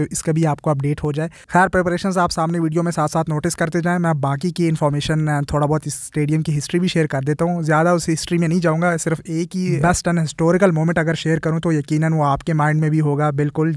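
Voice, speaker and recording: A man in his thirties giving chatty, quick cricket vlog commentary outdoors at a stadium, filmed on a handheld phone. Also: a little high, a little mellow, no room sound, studio quality. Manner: fast, chatty, mixes English words. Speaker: cricket vlogger.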